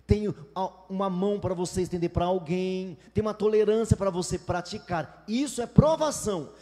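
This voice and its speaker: A man's voice: high voice, darkish tone, in a large hall. A Brazilian man preaching a sermon as a pastor, emphatic, sometimes acting out whiny complaining churchgoers. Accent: Brazilian Portuguese.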